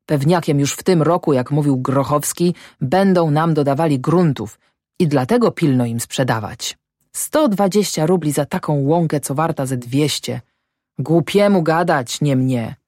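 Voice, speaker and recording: A woman's voice: deep voice, a little slow, dark tone, dry recording, studio quality. A woman voicing a shrewd, suspicious old peasant farmer who mutters and grumbles in rustic dialect. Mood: suspicious muttering. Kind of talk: audiobook character voice.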